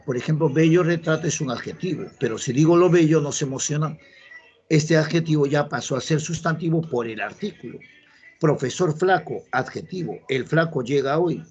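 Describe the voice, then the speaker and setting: This male teacher from Peru walks his classroom through a grammar lesson step by step, asking checking questions along the way. His voice is a little high and slightly rough, and the recording sounds muffled.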